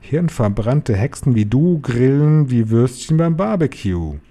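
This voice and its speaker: A man voicing a tyrannical female witch leader in a storybook reading, screeching and slow with menace. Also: medium pitch, very animated, dark tone. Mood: scornful rage. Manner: screeching, spitting scorn, slow menacing emphasis.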